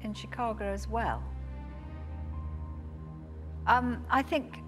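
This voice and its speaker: A woman's voice: a little high, takes it slowly, over music. A woman on a television quiz panel, thinking aloud in an uncertain, hesitant way. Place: TV studio.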